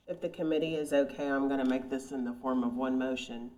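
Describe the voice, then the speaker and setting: A committee member making a formal motion in a meeting, speaking in a measured, deliberate way. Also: mid-range voice, steady tone, a little mellow, low-quality recording.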